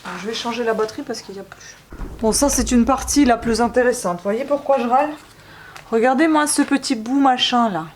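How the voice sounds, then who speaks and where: A woman's voice: fairly high pitch, a little fast, slight background noise. A woman vlogging casually while building a craft, joking and grumbling with lots of asides. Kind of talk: casual chat vlog.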